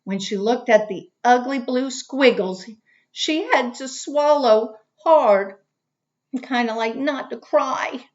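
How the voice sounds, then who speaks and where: A woman leads a children's read-aloud lesson and stops often to pose questions to her young listeners. Her voice sits slightly high, and the recording sounds muffled and lo-fi. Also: takes it slowly. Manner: animated, asks questions and answers them herself. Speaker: teacher reading aloud. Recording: dull lo-fi recording.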